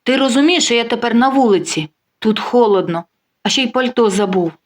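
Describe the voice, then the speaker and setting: A woman's voice: on the high side, expressive, brisk, voice pushed up, natural voice. A smug, blustering husband in an audio story, voiced by a woman narrator. He talks big and sure of himself, then turns flustered and pleading when cornered. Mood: desperate. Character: self-assured middle-aged man leaving his wife.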